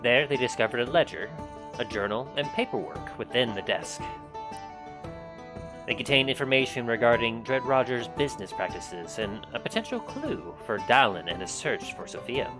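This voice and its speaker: A man working as game master, narrating a tabletop fantasy adventure in a halting storyteller delivery. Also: medium pitch, expressive. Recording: prominent guitar music behind voice. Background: guitar music.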